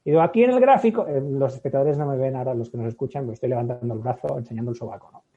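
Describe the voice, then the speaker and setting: In thin, phone-quality sound, a Spanish-accented podcast guest who specializes in public speaking races through his explanations in a mid-range voice. He's animated, acts out little scenarios, and keeps asking "¿no?" to check in.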